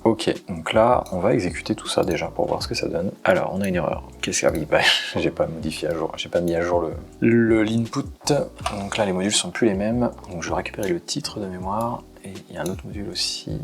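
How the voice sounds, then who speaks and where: A man walking through a software automation tutorial on screen, thinking aloud as he clicks and often saying "hop" and "ok". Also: low-pitched, a little fast, gravelly. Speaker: tutorial presenter.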